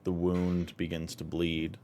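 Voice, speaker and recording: Man, game master, tabletop narration, very deep, slow. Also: monotone, mellow, a little hiss or hum.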